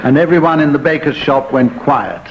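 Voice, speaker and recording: Man, quiz chairman, dry deadpan delivery, hissy old radio recording. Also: fairly high pitch, normal speed, muffled recording. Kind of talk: radio panel game hosting.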